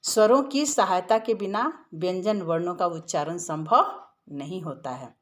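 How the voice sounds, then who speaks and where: A woman's voice: on the low side, moderate pace. A woman teaching a grammar lesson, explaining step by step in a patient way and often checking that her listeners follow.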